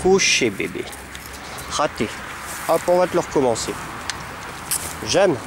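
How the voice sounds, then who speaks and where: A man, a dog breeder, coaxing and training puppies among goats with affectionate baby talk and sudden high calls. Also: animated, measured pace, noisy background. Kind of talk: talking to puppies and goats while training them. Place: animal pen with goats.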